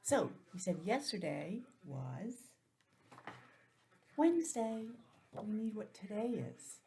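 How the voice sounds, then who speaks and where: A woman with a mid-range, very animated voice speaks slowly against a noisy background. She's a preschool or early-grades teacher at home on a laptop, running an interactive calendar lesson for young children over video call, asking questions and adding chatty asides.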